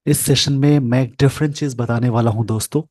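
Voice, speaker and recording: A man teaching English pronunciation over a screen share, speaking slowly and carefully and repeating sounds for his learners. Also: mid-range voice, fairly even intonation, dark tone, dry recording.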